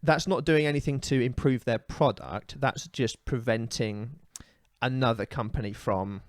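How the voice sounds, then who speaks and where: A podcast co-host chats casually, ranting with firm opinions and lots of "um" and "you know" at a measured pace. His voice is an ordinary middle pitch, recorded close and dry with no room sound.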